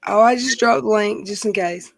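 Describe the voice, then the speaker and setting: A woman's voice: medium pitch, normal speed, creaky, a crowd in the background, low-quality recording. A woman in her forties hosting a casual livestream chat, reading out viewer comments as she talks. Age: 40s. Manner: chatty, reads out viewer comments. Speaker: stream host. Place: outdoors near her house.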